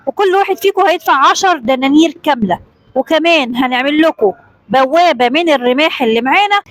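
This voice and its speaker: A woman voicing a cruel, mocking male crusader knight leader who shouts orders in broken speech. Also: sits high.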